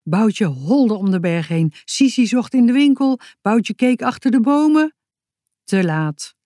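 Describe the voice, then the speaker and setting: A woman reading a children's book aloud in a clear storytelling manner. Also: a little high, expressive, unhurried, mellow, dry recording, studio quality. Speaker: audiobook narrator. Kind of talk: scripted narration of a children's book.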